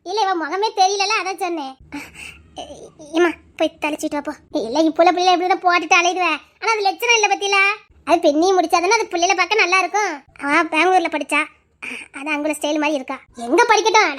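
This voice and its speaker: A woman's voice: extremely high pitch, fairly bright tone. A woman playing a blunt, gossipy older village mother of the groom. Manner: scolding, gossipy, preachy.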